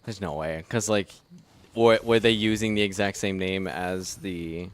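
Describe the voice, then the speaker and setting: A man chatting casually with a gaming friend, relaxed, explaining things and laughing often. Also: deep voice, unhurried. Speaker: co-player friend. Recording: music playing behind.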